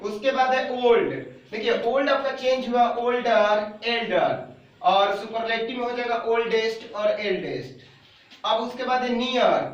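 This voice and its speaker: A man's voice: high-pitched, heavy reverb, recorded from a distance, muffled recording. A man teaching English grammar to students, repeating each point and answering his own questions. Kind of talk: explaining grammar rules to students.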